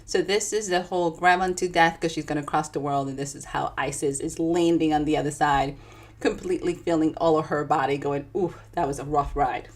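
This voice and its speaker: A woman with a Dominican accent and a low-sitting voice speaks a little quickly as she chats with viewers live, then reads her own book aloud. Her manner is lively and chatty, aimed right at the audience.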